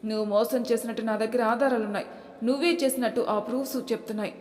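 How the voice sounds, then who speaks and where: A woman's voice: on the high side, steady tone, quick pace, darkish tone, natural voice. A woman voicing a bitter, domineering young husband in an audiobook, speaking in a scornful, taunting way. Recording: echoey room with long reverb.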